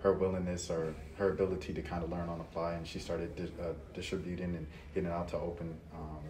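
A man's voice: sits low, flat delivery, quick pace. A man asking long, rambling questions as a reporter at a press conference. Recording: distant, echoey room with crowd.

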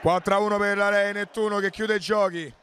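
A man giving excited, breathless live futsal commentary, shouting out plays and repeating his exclamations. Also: high-pitched, fast talker. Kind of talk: live sports play-by-play commentary. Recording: noisy indoor sports hall.

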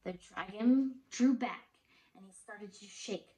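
A woman preschool teacher at home reading a picture book aloud to children, animated and gasping with chatty asides. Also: medium pitch, a little slow, poor audio.

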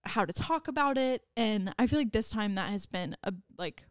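A woman's voice: medium pitch, expressive, normal speed, clear, resonant tone, no echo, clean studio sound. A pregnant woman in her twenties co-hosting a casual podcast chat, rambling and giggling with lots of "like"s. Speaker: podcast co-host.

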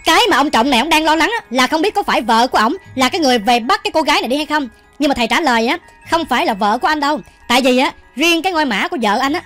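A woman's voice: high voice, fairly bright tone. A woman with a Southern Vietnamese accent telling a ghost story in a chatty way, often speaking directly to her listeners. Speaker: storytelling channel host. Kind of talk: ghost story narration while cooking.

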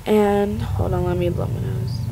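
A woman's voice: mid-range voice, level tone, measured pace, gravelly, dark tone, slight background noise, poor audio. A young woman in her late teens with a stuffy, congested voice from a cold, ranting to camera in a rambling, exasperated way. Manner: rambling, filler-heavy, exasperated. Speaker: vlogger.

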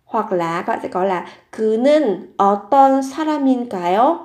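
A Korean language teacher with a fairly high, expressive voice talks at a quick pace with a darkish tone. She patiently repeats vocabulary words and asks herself questions while explaining example sentences, in a room with noticeable echo.

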